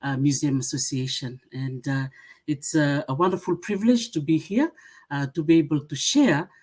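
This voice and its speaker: A middle-aged woman from Fiji giving a webinar presentation, pausing often with "uh" as she lists her points. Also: deep voice. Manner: many "uh" fillers, warm greetings, listing points. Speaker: museum association secretary-general speaker.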